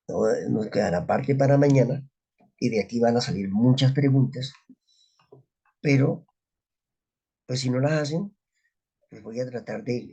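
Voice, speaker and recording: A man with a gravelly, husky voice teaching a Bible study. He explains terms patiently and keeps asking his listeners questions. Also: mid-range voice, a little mellow. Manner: explanatory, asks rhetorical questions, spells out Hebrew words.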